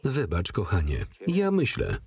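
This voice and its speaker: Guy doing a film voice-over, clear and even, lots of pitch movement, reads all the roles himself. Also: crowd noise. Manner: reads every role in his own voice, clear and measured. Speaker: voice-over reader. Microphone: studio voice-over, recorded apart from the film.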